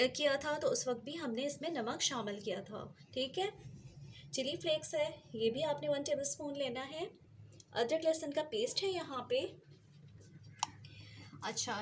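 Woman, high voice, home kitchen, step-by-step recipe talk, sizzling pan noise. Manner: explains step by step, often adds "theek hai". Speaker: cooking channel host. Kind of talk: recipe walkthrough over cooking footage. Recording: home video with frying noise. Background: sizzling oil and stirring.

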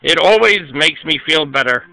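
A man's voice: a little high, animated, moderate pace, vocal fry, bright, forceful tone, exaggerated voice, poor audio. A man voicing a drowsy, matter-of-fact little girl who always wants a nap, in a storybook reading. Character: always sleepy young girl, calm.

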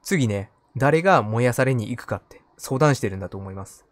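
Animated male game streamer. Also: mid-range voice, fairly quick, no echo. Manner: playful muttering to himself, repeating short phrases. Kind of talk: live gaming commentary, casual.

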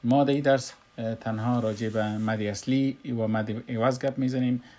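A man with an Afghan Dari accent teaches Quran recitation in a recorded lesson, explaining slowly and pausing often with "uh". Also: medium pitch, fairly even intonation, dark tone. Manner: slow, explanatory, with frequent "uh" pauses.

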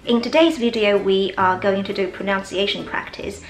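A woman's voice: medium pitch, normal speed. Woman, Chinese native speaker, pronunciation lesson, echoey room, faint music behind. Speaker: English pronunciation teacher.

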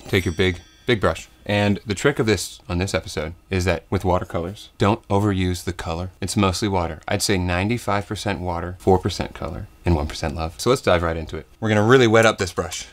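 A young man hosting a comedic painting tutorial parody, talking in a soft tutorial voice that slips into crude jokes. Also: sits low, fairly quick, few pauses. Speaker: comedy host.

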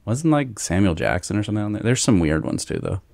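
A man's voice: on the low side, big pitch swings, quick pace, creaky, a little mellow, dry recording. A man from Kentucky hosting a podcast, chatting casually and rambling, with filler words. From Northern Kentucky, US. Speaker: podcast host. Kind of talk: casual chat.

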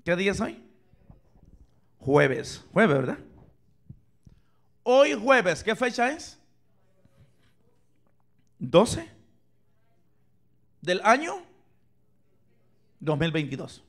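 A man preaching a sermon in a church, asking the congregation questions and swinging from loud cries to near-whispers. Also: high voice, big pitch swings, extremely slow, pauses often. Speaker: pastor. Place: church sanctuary, filmed for online viewers.

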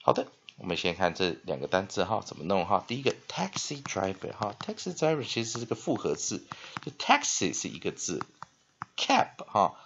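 A man's voice: fairly low pitch, very animated, normal speed, gravelly, a bit bright, highs cut off, slight background noise. A male English teacher giving a spelling and phonics lesson. He reads dictionary entries aloud, then explains them with frequent "ah" and "ha" fillers.

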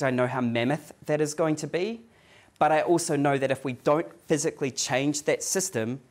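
A man with a New Zealand accent giving a conversational lecture to a live audience, often checking in with a quick "yeah?" and rambling a little as he tells his story. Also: medium pitch. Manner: loose, rambling delivery with restarts and fillers. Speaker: guest lecturer. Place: office event space with a live audience.

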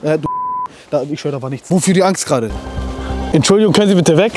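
A man's voice: on the high side, animated, quick pace, over music. A young man hosting a casual reaction vlog outdoors in a forest at night, joking nervously with street slang, recorded on a handheld camera. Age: young adult. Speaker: reaction video host. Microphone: handheld camera held by a friend.

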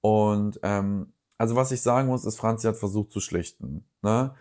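A man's voice: fairly low pitch, normal speed, a little mellow. A young German man casually recapping reality-TV gossip and animatedly retelling a personal story with quoted dialogue. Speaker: YouTuber recapping reality TV news.

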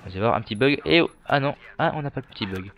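Joking, foul-mouthed young gamer. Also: male voice, mid-range voice, quick pace, slight background noise. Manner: excitable, joking, swears freely. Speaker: gameplay commentator. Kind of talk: casual gameplay commentary. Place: bedroom at home.

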